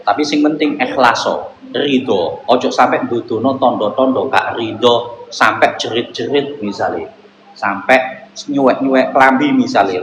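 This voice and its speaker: A man, mid-pitched and unhurried, leads a kitab lesson. He repeats each Arabic phrase and its gloss before explaining it. The voice carries a long hall reverb over steady background noise. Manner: slow, measured glossing in Javanese, repeating each phrase, then plain explanation. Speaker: Islamic boarding school teacher. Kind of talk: traditional kitab recitation lesson, Arabic text glossed word by word.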